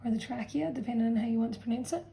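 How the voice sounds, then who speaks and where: A woman teacher walks students through a revision lesson in a patient, explanatory way, often pausing to check in. Her voice sits a little high but sounds mellow and warm. It comes across as a friendly classroom explanation. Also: level tone, low-quality recording. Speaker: science teacher. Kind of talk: revision lesson narration over a drawn diagram.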